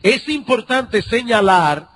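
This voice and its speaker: A man's voice: very high voice, expressive, slow, fairly bright tone, breathy edge. A male pastor with a Dominican accent, preaching a sermon with rhetorical questions and repeated phrases.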